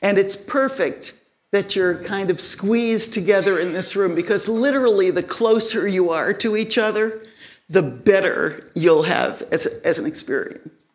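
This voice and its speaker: Woman, live lecture, slow unhurried delivery, measured, explanatory. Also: medium pitch. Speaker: guided imagery teacher. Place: crowded room with an audience.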